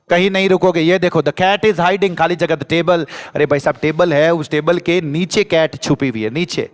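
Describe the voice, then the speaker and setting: Young male tutor, Rajasthani accent, lively and repetitive, slightly high voice. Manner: energetic, repeats catchphrases, acts out students' questions. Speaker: English teacher. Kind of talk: exam-prep grammar lesson.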